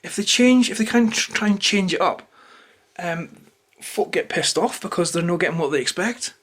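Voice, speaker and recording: A Scottish man talks straight to camera in a notably high voice for a male speaker. He rambles through an unplanned, opinionated rant, sounding irritated and swearing freely as he goes. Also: expressive, normal speed, fairly bright tone. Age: adult, parent of a toddler. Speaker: YouTuber. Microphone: camera held or placed close to him.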